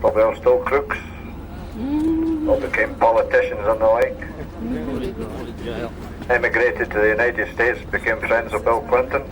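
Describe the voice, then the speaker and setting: A man's voice: medium pitch, level tone, moderate pace, long pauses, noisy background. A Scottish man giving a joking safety briefing and tour commentary as a ship tannoy announcement. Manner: dry, joking patter. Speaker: tour boat crewman.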